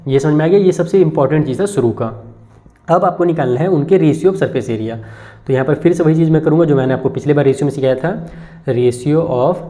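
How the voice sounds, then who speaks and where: A man's voice: fairly high pitch, fast talker, dark tone. A man teaching a maths lesson, explaining step by step and speaking directly to his students. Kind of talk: classroom math lesson. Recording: dull lo-fi recording.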